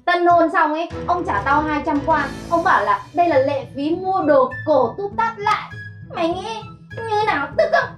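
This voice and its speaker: A brash, gossipy landlord's wife in a slapstick comedy. Her high voice is blunt and coarse. It rings in an echoey room with light music under it. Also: lively intonation, moderate pace. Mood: indignant gossiping. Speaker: comic lead.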